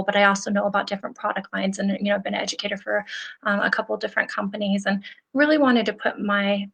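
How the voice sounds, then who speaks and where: A woman's voice: mid-range voice, gravelly. A middle-aged woman hosting a casual live stream, talking straight to her viewers in an earnest, chatty way and laughing often. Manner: animated, with frequent laughter. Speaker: host of a live stream for nail professionals.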